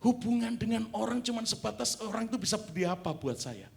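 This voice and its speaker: A man preaching a sermon in a church, animated, swinging from quiet asides to loud exclamations. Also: high-pitched, brisk, gravelly. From Indonesia. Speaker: pastor. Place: church sanctuary.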